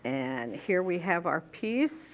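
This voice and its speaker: A woman's voice: fairly low pitch, very animated, takes it slowly. An older woman hosting a quilting show, explaining each step as she works with her hands. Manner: friendly step-by-step explaining, talking while working. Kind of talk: hands-on sewing demonstration.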